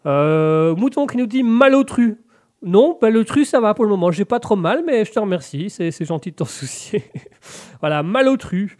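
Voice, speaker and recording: A man's voice: high voice, animated, normal speed, a little mellow. A man with a cold hosting a live radio and Twitch show, upbeat, reading out viewers' chat comments. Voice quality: congested, stuffy. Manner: upbeat, reads out chat comments, lots of restarts. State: has a cold.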